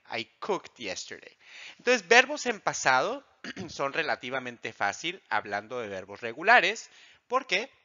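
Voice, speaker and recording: A man teaching an English grammar lesson, explaining slowly and asking the class questions that he then answers himself. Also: medium pitch, pushed and bright. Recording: dull lo-fi audio.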